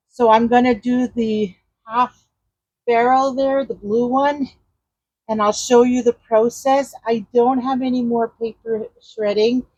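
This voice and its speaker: A gardening vlogger chats loudly while digging in her outdoor garden, casually narrating each step as a how-to, rambling and searching for words. Her voice is on the high side, and the mic clipped to a nearby trellis gives a muffled recording with no room sound.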